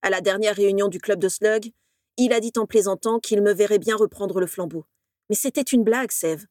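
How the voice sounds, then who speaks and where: A woman's voice: mid-range voice, a little fast, darkish tone, no room sound, studio quality, close to an everyday voice. A woman voicing an earnest young male wizard student who pleads and insists, conciliatory but exasperated. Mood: pleading.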